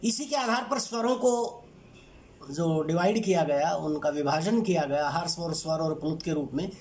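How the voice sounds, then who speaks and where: A man teaching a lesson on language sounds, speaking in measured, deliberate short phrases with pauses. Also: on the high side, a little mellow. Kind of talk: explanatory lecture.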